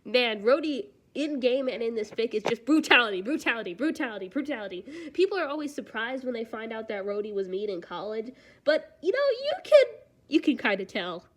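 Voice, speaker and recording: A woman streamer reading fan fiction aloud live, breaking off into chatty, animated reactions. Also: fairly high pitch, a little fast, few pauses.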